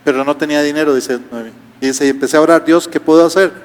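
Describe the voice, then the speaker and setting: A man's voice: a little high, fairly even intonation, fast talker. A male pastor, preaching a sermon with rhetorical questions and humorous asides. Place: church auditorium. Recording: reverberant church hall.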